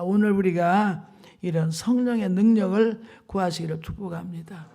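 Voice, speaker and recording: A woman evangelist preaching a revival sermon in church, telling stories with animated, emphatic exclamations. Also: mid-range voice, creaky.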